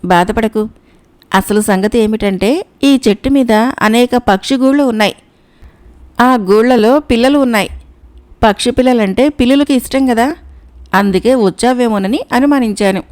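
A woman's voice: a little high, normal speed, pauses often, darkish tone, natural voice. A woman voicing an old, blind male eagle who guards the nest, speaking in a stern, suspicious, commanding way.

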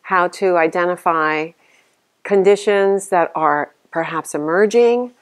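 Calm older woman giving a testimonial. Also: lowish voice, takes it slowly. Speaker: course participant. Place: large meeting room indoors.

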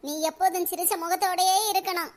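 A woman voicing an older village mother-in-law in a comedy cartoon, with a Kanyakumari Tamil accent and a shrill, squeaky voice. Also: level tone, fast. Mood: coaxing. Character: scheming old mother-in-law turned loving, village woman.

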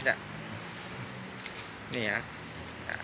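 A man in his thirties chatting casually as he walks and films outside a stadium on a handheld phone, musing aloud with many fillers. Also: extremely slow. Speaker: vlogger. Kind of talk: casual walking vlog. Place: outdoors by a stadium. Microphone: phone held at arm's length. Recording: noisy outdoor phone recording. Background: street ambience and passing cars.

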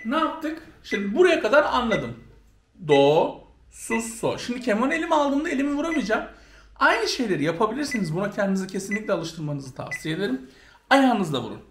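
A woman's voice: on the high side, sing-song, fast. A woman teaching a violin lesson, counting beats aloud and calling out note names. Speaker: music teacher. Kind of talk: instrument lesson. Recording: echoey room, faint noise.

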